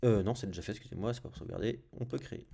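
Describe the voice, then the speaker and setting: Tutorial host: male, French accent, deep-ish warm tone, relaxed screen-share narration full of small fillers. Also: racing, gravelly, breathy edge. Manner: thinks aloud while clicking through screens, frequent "hop" and "euh". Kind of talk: casual screencast coding tutorial.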